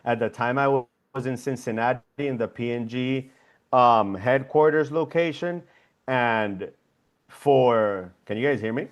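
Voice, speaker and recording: A man's voice: mid-range voice, a little slow. A young man from Venezuela speaks as a guest founder on a casual interview over a video call. He talks reflectively and rambles a little, with plenty of fillers.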